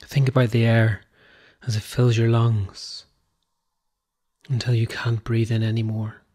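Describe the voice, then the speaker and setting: Husky and unhurried, a man with a mid-pitched voice leads a meditation in a flat, gentle instructional manner. He speaks in short phrases with pauses between them.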